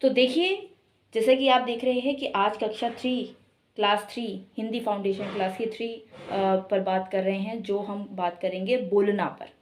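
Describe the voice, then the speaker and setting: A woman teaching an online Hindi class, explaining step by step and slowly stretching example words to show stress and tone. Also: medium pitch, steady tone, slight background noise.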